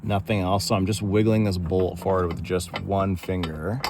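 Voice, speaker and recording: A man's voice: sits low, little pitch movement, moderate pace, noisy background. A man chatting to viewers in a casual how-to vlog, grumbling with humor while he works outdoors, recorded on a handheld phone. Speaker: DIY vlogger. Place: outdoors on wet grass beside a pickup truck.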